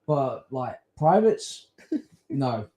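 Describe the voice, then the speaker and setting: A man hosting a casual podcast, blunt and sweary, quick to laugh as he trades stories. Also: medium pitch, very animated, mellow. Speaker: podcast host. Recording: echoey room.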